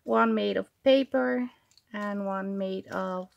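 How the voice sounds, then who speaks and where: Chatty woman with a gravelly voice. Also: mid-range voice, slow pace, highs cut off. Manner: chatty, searches for words with frequent ums. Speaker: junk journal crafter and channel host. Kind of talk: casual crafting vlog chat.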